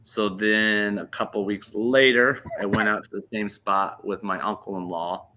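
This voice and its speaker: A man in his thirties casually telling a hunting story on a podcast, animated and laughing as he goes. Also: fairly low pitch, unhurried, a little hiss or hum. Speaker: podcast host.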